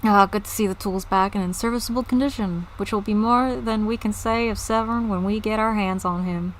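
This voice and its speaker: A woman voicing a gruff, blustery older male farm leader in a game. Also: medium pitch, steady tone, takes it slowly, warm tone, slight background noise, natural voice, rough recording. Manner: blustery, old-fashioned insults.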